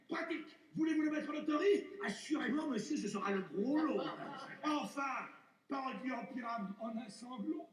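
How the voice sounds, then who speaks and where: A man's voice: very high-pitched, a bit bright, exaggerated voice. An actor playing a proud, witty swordsman-poet who mocks rivals, declaiming classical verse like a hammy stage actor. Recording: roomy echoing stage, distant microphone.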